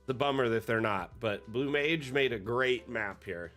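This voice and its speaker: A man's voice: mid-range voice, unhurried, fairly bright tone, soft background music. Chatty man hosting a map livestream. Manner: rambling, chatty, many fillers. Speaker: community manager hosting a livestream. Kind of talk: casual livestream commentary.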